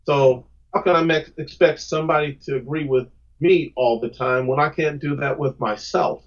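A man's voice: a little high, normal speed. A man guest on a podcast, talking in an earnest, reflective, rambling way with restarts. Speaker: podcast guest, comic creator. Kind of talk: casual podcast conversation. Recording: muffled lo-fi audio.

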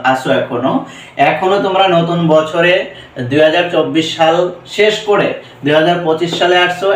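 High-voiced man teaching, echoey. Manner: repeats questions and answers them himself; mixes English phrases into Bengali explanation. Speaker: English teacher. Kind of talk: classroom-style pronunciation lesson. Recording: roomy echo, voice from a distance.

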